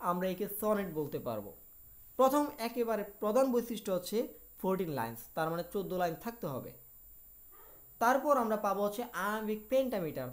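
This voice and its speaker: Woman teaching a literature lesson. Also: mid-range voice. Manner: explains each point in Bengali after reading it in English; asks rhetorical questions and answers them herself. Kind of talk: video lecture.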